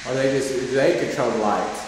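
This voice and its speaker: A man wanders an old jail and fires off casual questions to his team and to whatever spirits might be listening. His voice bounces around a big, hollow hall, with steady hiss and noise under it. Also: mid-range voice, normal speed. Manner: questioning, chatty, addresses spirits. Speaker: paranormal investigator. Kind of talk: casual ghost-hunting chat. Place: large echoey old jail indoors. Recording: echoey hall, noisy handheld camera audio.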